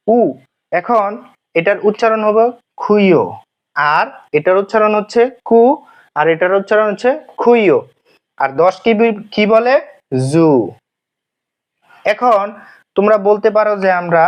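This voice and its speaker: A man teaching a language class, repeating himself and asking and answering his own questions. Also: high-pitched. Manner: repetitive, asks and answers own questions, many fillers. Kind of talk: classroom lesson explanation. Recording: dull lo-fi sound.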